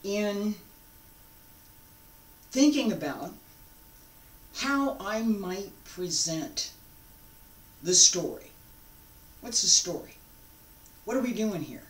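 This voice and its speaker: Recorded at home in a carpeted room, this sixties-aged woman who founded a radio drama show extends an informal, very animated invitation to camera at a medium pitch. Her delivery is deliberate, in short, paused phrases, and the distant mic picks up room echo.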